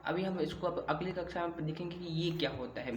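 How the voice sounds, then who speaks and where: A man teaching a grammar lesson, explaining slowly and repeating himself, often asking a question before he answers it. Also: fairly high pitch. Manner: slow, repetitive explaining with rhetorical questions. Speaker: Hindi teacher. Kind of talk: classroom-style grammar lesson. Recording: echoey room with faint background hum.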